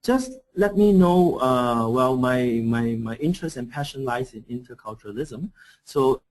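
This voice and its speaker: A man's voice: mid-range voice, animated, a little slow. Brief: man from Singapore, coaching trainer, webinar delivery, hesitant and full of fillers, computer mic. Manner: hesitant, with many fillers and restarts. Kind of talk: webinar presentation. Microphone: computer mic on an online call.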